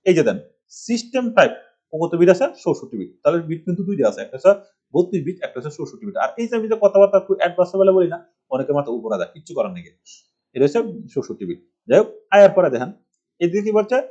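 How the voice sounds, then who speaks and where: This middle-aged computer instructor from Bangladesh has a high, warm, very animated voice and speaks rapid-fire. He teaches a rambling screen-recorded tutorial from a village home, asking rhetorical questions throughout, and the audio is dull.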